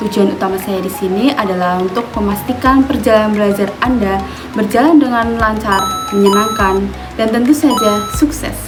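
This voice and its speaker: A woman's voice: mid-range voice, normal speed. Young woman, customer support role, friendly, joking, music underneath. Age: young adult. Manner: friendly, playful. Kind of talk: scripted self-introduction in a class role-play. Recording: clear background music.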